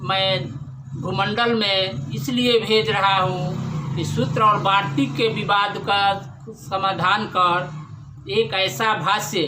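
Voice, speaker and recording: A man teaching a class, telling a story about the origins of Sanskrit grammar in slow, deliberate speech and chanting Sanskrit verses between the explanations. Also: high-pitched, fairly even intonation, noisy background. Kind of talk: lecture on Sanskrit grammar lore.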